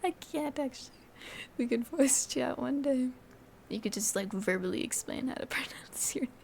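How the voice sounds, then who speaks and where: A woman's voice: high-pitched, expressive, moderate pace, creaky, a little mellow, slight background noise. A young woman from Alabama streaming a game, chatting casually, giggling and often dropping to a whisper. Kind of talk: casual live-stream chat.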